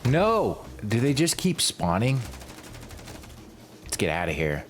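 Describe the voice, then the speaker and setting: A man's voice: mid-range voice, wildly swooping pitch, slow pace, a little hiss or hum. A man streaming a shooter game, talking through it in exasperated, grumbling asides. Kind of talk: gameplay commentary. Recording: loud game music and gunfire behind.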